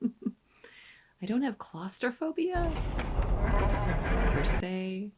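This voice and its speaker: A woman's voice: medium pitch, very animated, extremely slow. A woman giving casual movie reaction commentary, musing and making wry asides. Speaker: film reaction host. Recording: noisy, with clicks.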